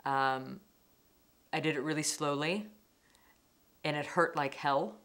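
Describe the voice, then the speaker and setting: A woman's voice: low voice, steady tone, slow, fairly bright tone. A woman speaking candidly and reflectively in a documentary interview. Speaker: interviewee telling her story. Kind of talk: personal documentary testimony.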